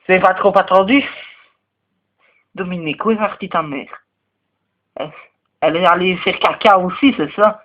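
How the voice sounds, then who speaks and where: A man playing a crude, huffy Belgian teacher. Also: lo-fi sound. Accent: Belgian French. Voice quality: rambling, vulgar, swings to high indignant outbursts. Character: crude, touchy male teacher, single, lives with parents. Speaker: teacher at a parents' meeting. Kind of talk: comedic sketch monologue.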